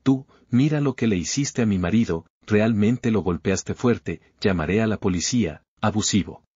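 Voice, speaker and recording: A man voicing a gentle worried young wife. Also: lowish voice, normal speed, breathy edge, no room sound, lo-fi sound. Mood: angry.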